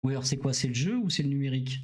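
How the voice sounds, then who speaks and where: A middle-aged man, a doctor, explaining things casually to a live audience, pausing often on filler sounds and checking in with his listeners. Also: mid-range voice, lively intonation, a little mellow. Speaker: doctor streaming to viewers.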